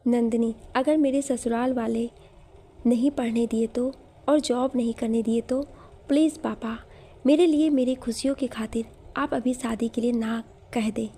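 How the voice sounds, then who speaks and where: A woman's voice: on the high side, steady tone, a little slow, mellow, breathy edge. A woman storyteller voicing an earnest, ambitious young daughter in a spoken storybook. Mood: pleading.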